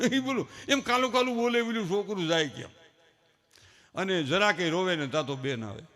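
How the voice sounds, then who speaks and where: A male comedian, telling animated stories on a live stage and using lots of rhythmic repetition. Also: high-pitched, a little fast. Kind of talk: live folk storytelling comedy. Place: live stage show before an audience.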